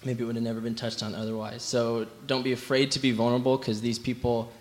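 A man's voice: medium pitch, level tone, quick pace. A man sharing church advice onstage, hesitant with many ums. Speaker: church member guest. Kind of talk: onstage testimony.

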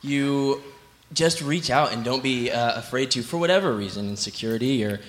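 A man's voice: medium pitch, moderate pace. A man sharing church advice onstage, hesitant with many ums. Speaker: church member guest. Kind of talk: onstage testimony.

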